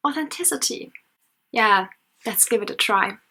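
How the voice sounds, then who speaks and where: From her parents' house at night, a nineteen-year-old history and sociology student with a German accent talks unscripted over her casual vlog, chatty but self-conscious and full of fillers. Her medium-pitched voice is lively and sharp at a normal speed, slightly rough.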